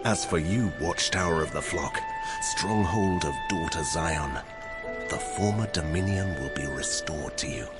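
God in a bible audio drama, deep solemn commanding voice, loud music behind. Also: male voice, lively intonation, a little slow. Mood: majestic. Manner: solemn, authoritative.

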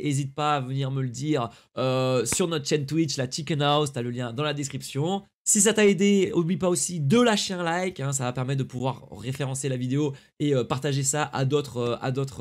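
A young man casually talking the viewer through a streaming tutorial, chatty and slangy. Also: medium pitch. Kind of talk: casual screen-recorded tutorial.

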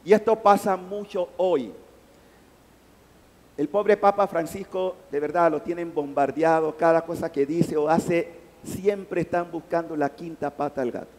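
A male priest with a Panamanian Spanish accent preaching a sermon in a large church, emphatic, with loudness that swells and drops. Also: high-pitched. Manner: emphatic, rising and falling loudness. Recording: long hall reverb.

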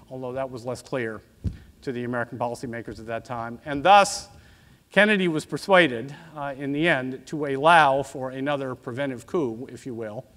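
A man in his sixties giving an academic lecture in a measured, discursive professorial manner with asides. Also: medium pitch, a bit bright. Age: 60s. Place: auditorium stage at a lectern, indoors.

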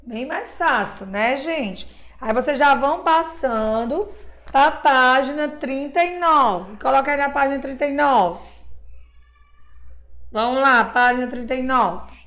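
A woman's voice: sits high, fairly bright tone. A woman from Brazil's teaching a class of young children, patiently spelling words out syllable by syllable and calling herself auntie. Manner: slow, drawn-out syllable-by-syllable spelling; patient, uses diminutives, refers to herself as auntie. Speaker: primary school teacher.

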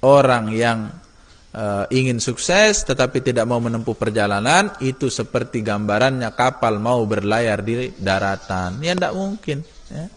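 A male religious teacher leads a classroom lesson, exhorting and teasing his students. His voice sits at an ordinary mid pitch. It rings with the long reverb of a large hall. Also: lively intonation, unhurried.

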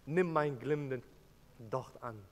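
A man's voice: medium pitch, moderate pace, lightly acted. A man preaching as a remorseful apostle, speaking earnestly in first person with emotional swells in a church. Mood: pleading. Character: remorseful adult male apostle recounting his denial. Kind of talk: first-person dramatic sermon monologue. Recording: long church reverb.

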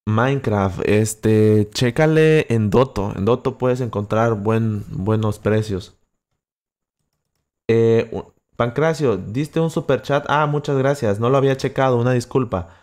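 A young man from Acapulco, speaking with a coastal Guerrero Mexican accent, hosts a livestream and answers chat close to the mic. His voice is medium-pitched, a little slow, and darkish in tone, and his casual talk is full of fillers and restarts.

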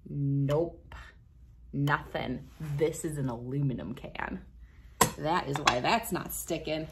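A woman's voice on the low side is heard with slight background noise. In her thirties, she reads aloud from a science book and demonstrates for children, encouraging young viewers and addressing them directly. She is indoors in a small wood-panelled room by a window, recorded on a device camera roughly arm's length away.

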